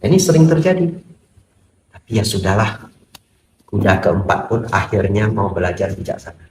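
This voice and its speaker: A man giving a Buddhist dharma talk as a monk, humorous and lively, often acting out exchanges with people who come to see him. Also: fairly low pitch, normal speed, slight background noise. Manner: humorous, acts out dialogues with visitors. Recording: echoey hall, mic at a distance.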